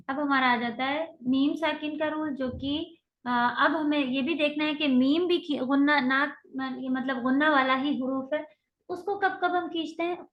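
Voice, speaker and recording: Woman, high voice, teacher, patient explanations, drawn-out modeled sounds, dull lo-fi audio. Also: fairly bright tone. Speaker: Quran recitation teacher. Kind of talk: online tajweed lecture.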